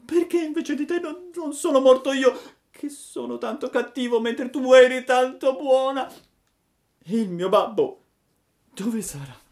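A man voicing a sobbing, desperate wooden puppet boy in a storybook reading, stammering and pleading. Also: measured pace. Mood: sobbing despair. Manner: wailing, stammering, high and loud.

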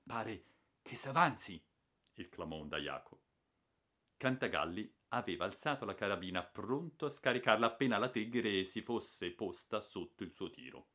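A man narrates an adventure novel in a dramatic audiobook reading. His voice sits fairly low and moves with lively intonation. He reads in an expressive, storytelling manner. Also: normal speed.

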